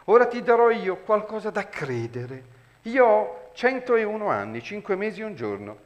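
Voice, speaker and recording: Male reader as an ancient, fussy queen, shrill and lecturing. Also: very animated, normal speed. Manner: high wailing cries, then lecturing. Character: shrieking fussy old queen, female. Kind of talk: dramatic reading.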